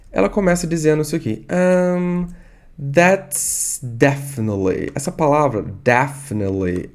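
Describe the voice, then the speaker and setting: A man with a Brazilian Portuguese accent teaching an English lesson online, patiently repeating and drilling words slowly. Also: mid-range voice, a little mellow.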